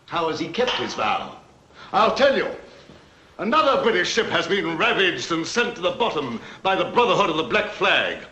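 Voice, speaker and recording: A pompous, accusing lord addressing an assembly in a 1940s period film. The voice is high and very animated, ringing in a roomy, faintly noisy old soundtrack. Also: male voice, full character voice. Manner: pompous, oratorical. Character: indignant, accusing aristocratic lord, political enemy.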